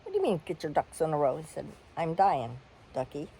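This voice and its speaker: A woman's voice: low voice, very animated, brisk, creaky, mellow, slight background noise, low-quality recording. An older woman telling a personal story in a candid, blunt way, with the odd cough and sigh.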